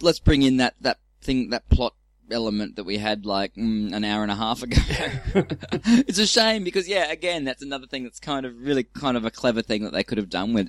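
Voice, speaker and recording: A man's voice: on the low side, no echo. A man co-hosting a podcast, giving opinions on a film with frequent laughs and hedges. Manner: laughing, hedging opinions with "yeah, again". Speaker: podcast co-host. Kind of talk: casual film discussion.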